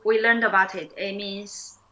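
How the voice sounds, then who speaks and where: Young woman teaching, slow and bright. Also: mid-range voice, steady tone, dull audio. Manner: patient, explains with many "like" and "um" fillers, models words slowly. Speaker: Chinese teacher. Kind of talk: relaxed one-on-one language lesson.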